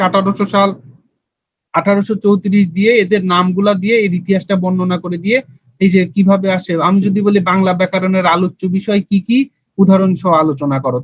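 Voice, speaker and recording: A man's voice: high voice, no room sound. A young man teaching a Bangla grammar lesson online. He explains step by step, quizzes his viewers and answers himself, and has them repeat sounds along with him. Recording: dull, lo-fi and dry.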